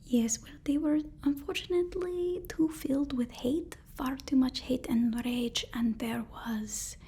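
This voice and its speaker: In an ASMR roleplay, a woman voices a supervillain's devoted, anxious assistant, whispering haltingly in a soothing, deferential manner. Her high voice is mellow and husky, with an exaggerated quality.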